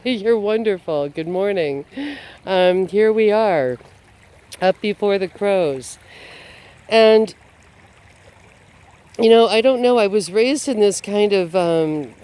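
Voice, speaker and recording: A man's voice: sits high, a little mellow. A man vlogging outdoors by a river, talking in a meandering way full of "you know" and "um". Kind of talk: rambling outdoor monologue.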